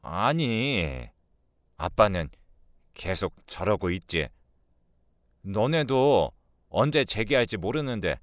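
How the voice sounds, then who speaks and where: A man's voice: fairly low pitch, no echo, clean studio sound. A man voicing a hot-tempered, scheming older mother-in-law who snaps and scolds defensively in a radio drama.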